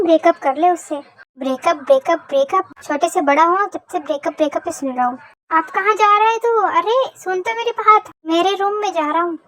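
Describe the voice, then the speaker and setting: A woman performing a homemade fan audio drama alone, voicing every role in quick bickering dialogue. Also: extremely high pitch, dry recording.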